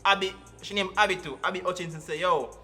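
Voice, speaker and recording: A man's voice: high voice, steady tone, fast, sharp tone, faint music behind. A man with a Jamaican accent reading out comments and reacting in casual vlog banter. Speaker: co-host of a YouTube reaction video.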